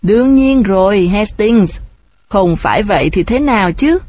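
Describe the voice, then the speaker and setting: A woman's voice: mid-range voice, animated, a little slow, a little mellow, husky, dry recording. A woman reading the lines of a shrewd elderly male detective, patient and lecturing, in a storybook reading. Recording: dull, dry recording.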